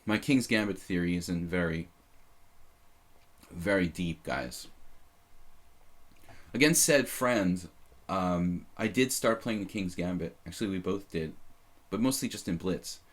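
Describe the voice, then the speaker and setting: Deep-voiced and unhurried, with long pauses, a man in his thirties casually narrates his own chess games on a live stream. He's self-deprecating and rambling, full of fillers and restarts, and still has a slight leftover cough.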